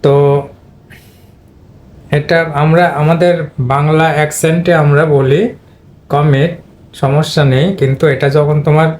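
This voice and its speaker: Man, English pronunciation teacher, fairly high voice, steady explaining. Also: normal speed, long pauses. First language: Bengali. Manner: explains step by step, addresses viewers directly; clears his throat now and then. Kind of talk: spoken pronunciation lesson.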